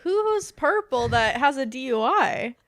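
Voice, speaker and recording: A woman's voice: sits high, very animated, a little slow, a bit bright, dry recording, clean studio sound. A young woman co-hosting a podcast in casual chat, talking freely with lots of fillers and giggles. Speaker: podcast co-host.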